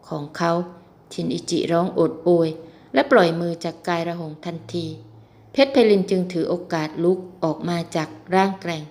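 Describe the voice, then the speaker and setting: A woman's voice: lowish voice, steady tone, moderate pace, a little mellow. Woman narrating a romance novel. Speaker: audiobook narrator.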